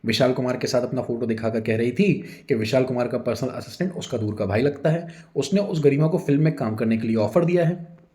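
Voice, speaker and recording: A man voicing an angry middle-aged housewife who scolds her husband in loud, shrill complaints. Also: fast, natural voice. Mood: indignant.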